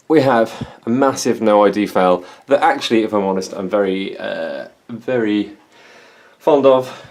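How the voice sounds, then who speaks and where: With a lowish, creaky, somewhat dark voice, a young English man talks casually through a plant vlog. His humor is dry and self-deprecating, often at his own expense.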